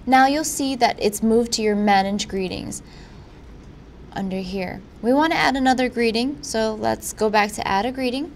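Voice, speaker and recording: A woman presenting a software tutorial in an informal, instructional way. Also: fairly high pitch, moderate pace, a little hiss or hum. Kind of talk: software walkthrough narration.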